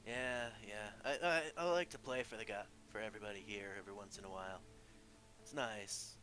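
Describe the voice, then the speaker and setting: Man doing a drawling stoner guitarist for a tabletop game, bright and twangy, faint music behind. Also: lowish voice, brisk. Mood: mellow. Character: laid-back stoner guitarist, young man.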